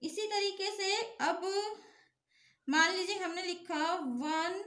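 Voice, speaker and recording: Woman, teacher, grammar lesson, high-pitched, asks and answers her own questions, roomy echo. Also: slow pace, a bit bright. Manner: keeps repeating an affirming check-in.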